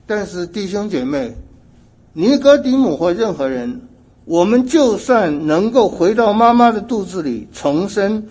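A man's voice: high voice, sing-song, unhurried, a little mellow, breathy edge. A man preaching a sermon in an earnest way, asking rhetorical questions and correcting himself as he goes.

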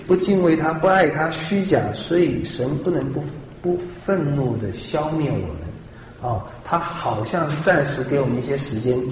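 A man's voice: fairly high pitch, a little hiss or hum. A man preaching a sermon with emphasis, putting rhetorical questions to his listeners. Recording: echoey hall with long reverb.

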